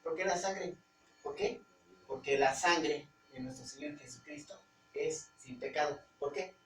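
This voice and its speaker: A man's voice: a little high, a bit bright. A male pastor with a Mexican accent speaks in a slightly raised voice. He talks to his congregation in a loose, chatty way, stopping to hunt for words. The mic sits far off in a reverberant church hall, with a faint hum underneath. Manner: conversational, halting, searches for words. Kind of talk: informal Bible-study preaching.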